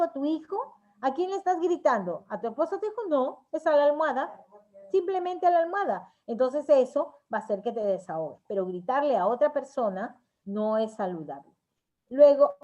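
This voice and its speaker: A woman's voice: high-pitched, warm tone. A woman leading a parenting workshop, lecturing in a conversational way and acting out examples in quoted voices. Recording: dull lo-fi recording.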